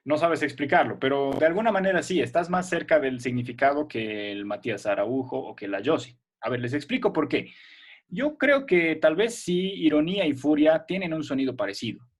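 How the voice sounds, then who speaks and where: A man's voice: on the high side, lively intonation, normal speed. A male teacher giving a remote class to children, explaining patiently step by step and checking often that they follow.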